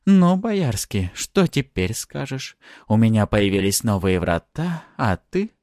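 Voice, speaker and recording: A man's voice: lowish voice, sing-song, unhurried, darkish tone, no room sound, clean studio sound. A man voicing a cruel, playful female succubus demon in an audiobook, taunting and sneering. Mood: mocking. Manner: taunting, sing-song sneer. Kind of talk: audiobook character voice.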